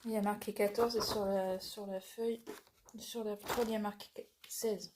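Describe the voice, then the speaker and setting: A woman's voice: medium pitch, level tone, moderate pace, background noise. A woman chatting casually as she unboxes a cross-stitch kit, with fillers and small laughs.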